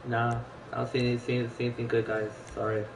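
A man's voice: medium pitch, completely flat delivery, fast, noisy background. A man casually commenting on his gameplay, mumbling to himself as he browses items. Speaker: streamer playing a video game.

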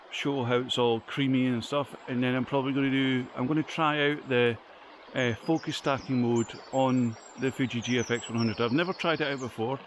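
A man's voice: medium pitch, slight background noise. A man, chatting casually to camera in the woods, rambling with lots of ums. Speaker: photography vlogger. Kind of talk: casual vlog chat. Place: outdoors in woodland by a stream.

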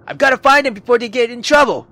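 A woman hosting a let's play, reading a visual novel aloud with loud, profane, emotional reactions. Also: on the high side, quick pace.

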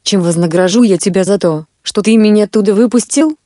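A woman voicing a boastful, threatening male spirit from a bottle in a read-aloud fairy tale, with a mellow tone in a dry, close recording. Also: medium pitch, a little fast, no room sound, natural voice. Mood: menacing. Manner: threatening, later pleading.

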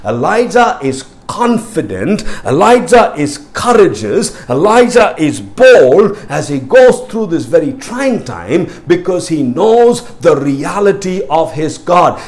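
A man preaching a sermon, emphatic and repetitive, stressing key words and phrases. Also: sits high. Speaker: pastor.

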